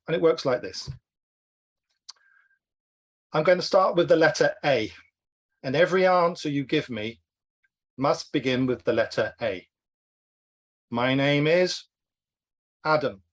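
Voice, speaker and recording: Brisk man running an online word game. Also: on the high side. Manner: brisk, encouraging, urges speed. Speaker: online workshop host. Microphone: video call.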